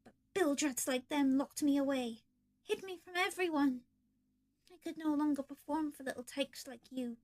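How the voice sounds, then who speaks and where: A growling, slow-spoken pirate fox robot, played by a woman in a storybook tale. He drawls his threats with a high, bright edge to the voice. The pitch sits well above a usual man's. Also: natural voice. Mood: pleading.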